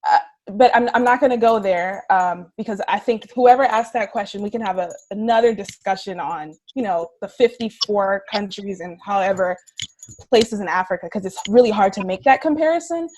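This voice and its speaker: A woman on a casual discussion panel, speaking in a measured way with hedges and fillers as she reasons aloud. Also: medium pitch, a little mellow, poor audio. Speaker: panel guest.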